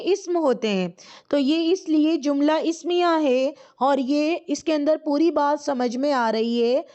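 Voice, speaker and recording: A woman teaching a lesson. She is patient, asks questions and answers them herself, and says key words slowly twice. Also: high voice, darkish tone. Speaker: Arabic teacher. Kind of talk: recorded classroom lesson. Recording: dull lo-fi recording.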